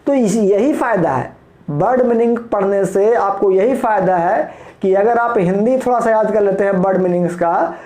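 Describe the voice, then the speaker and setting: Male tutor from Bihar, patient and explanatory, soft mellow tone, roomy echo on the recording. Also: high voice, moderate pace. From Bihar, India. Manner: patient, explanatory, spells words letter by letter, asks rhetorical questions. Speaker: teacher. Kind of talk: classroom lesson explaining English vocabulary.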